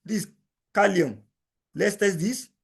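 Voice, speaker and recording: A man teaching a software tutorial, repeating each step in plain explanatory talk. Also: sits high, unhurried, vocal fry, husky. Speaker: instructor. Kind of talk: screen-recording software tutorial.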